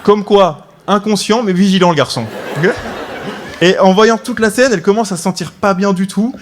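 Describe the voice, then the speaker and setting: A man in his twenties performs stand-up on a comedy stage before a live audience, telling a story with frequent "ok?" asides. His voice is high-pitched at normal speed, with a noisy background.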